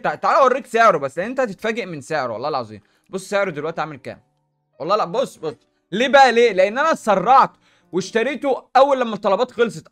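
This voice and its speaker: A young man with an Egyptian Arabic accent rattles off gameplay commentary at a rapid clip, high-pitched and hyped. He talks in animated, slang-heavy bursts, with faint music running beneath him. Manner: animated, rapid, hype-filled street slang. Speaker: gaming YouTuber.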